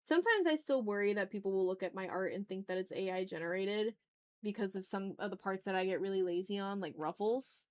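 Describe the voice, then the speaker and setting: A woman speaks a little fast in a medium-pitched voice while hosting a live art stream. She chats casually and narrates her work to herself as she draws, with short repeated phrases and gentle exclamations.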